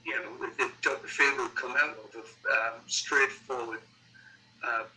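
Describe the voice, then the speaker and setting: Man, Sunderland accent, very bright forceful voice, halting casual interview chat, faint background noise. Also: mid-range voice, steady tone, rough recording. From Sunderland, North East England. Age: middle-aged or older. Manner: halting, repeats words while thinking. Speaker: musician being interviewed.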